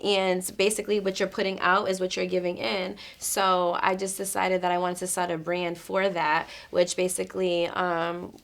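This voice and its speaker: A woman's voice: fairly low pitch, little pitch movement, moderate pace, vocal fry, few pauses, fairly bright tone. Chatty young woman from Boston. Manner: loose and chatty, many fillers. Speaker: interview guest. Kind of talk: casual interview chat.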